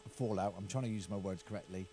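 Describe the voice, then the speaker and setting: A middle-aged English man with an English accent, a county councillor, talks haltingly through a political discussion, hedging and repeating words. His voice is fairly low and dark in tone, with a little hiss or hum.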